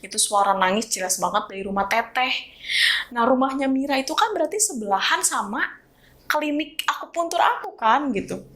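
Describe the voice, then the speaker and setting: A woman's voice: high-pitched, brisk. A woman with a Sundanese-tinged Indonesian accent telling her own ghost story casually and acting out the dialogue. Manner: animated, acts out the dialogue in changed voices. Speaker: guest storyteller.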